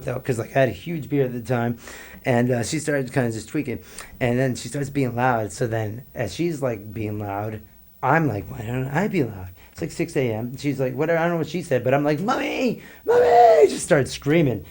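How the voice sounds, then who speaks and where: A man's voice: medium pitch, a little mellow. Man, middle-aged, podcast guest, rambling storyteller, profane, laughs a lot, mid-range voice. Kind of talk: casual storytelling.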